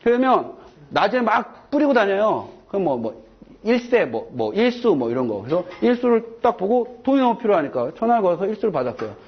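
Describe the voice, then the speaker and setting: A man's voice: sits high, very animated, a little fast, husky. A man giving a chatty classroom law lecture, digressing and checking in with his students. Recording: dull lo-fi lecture recording.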